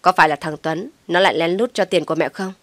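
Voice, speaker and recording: A woman's voice: lowish voice, fast talker, fairly bright tone, no echo, natural voice. A woman voicing a spiteful, mocking young daughter-in-law who speaks with scorn. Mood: sneering. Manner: sneering, scornful.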